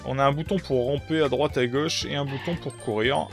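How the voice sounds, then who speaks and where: A man's voice: mid-range voice, fairly even intonation, brisk. A young man live-streaming a retro platform game, chatting casually, greeting viewers and explaining as he plays. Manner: chatty, greets chat viewers, many fillers. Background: game music.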